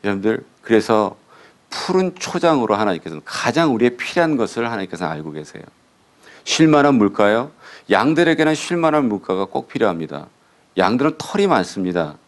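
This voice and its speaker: A man's voice: lowish voice, big pitch swings, fairly quick. Korean pastor guy preaching, quizzes the crowd then answers, voice swings up and down a lot. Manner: asks the congregation questions and answers them himself. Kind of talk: sermon.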